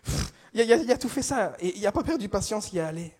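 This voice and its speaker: A young man from France delivers a sermon with a high-pitched voice. He tells stories in a lively, self-mocking way, often stumbling and restarting mid-phrase as he works up to his point. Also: quick pace, husky. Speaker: preacher.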